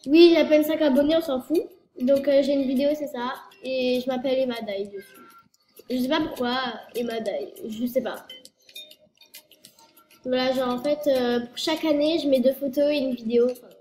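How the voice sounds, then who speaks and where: High-voiced stuffy-nosed young teen girl vlogging. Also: steady tone, moderate pace, warm tone, soft background music. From France. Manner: rambling, full of fillers and self-corrections. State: stuffy nose from a cold. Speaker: youtuber. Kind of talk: casual vlog monologue. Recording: echoey room with faint noise.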